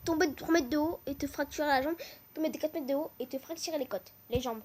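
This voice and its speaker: High-voiced woman playing would-you-rather. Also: fast, slight background noise. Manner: reads choices aloud, then bursts into excited shouts; repeats a teasing catchphrase. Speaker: gaming channel host.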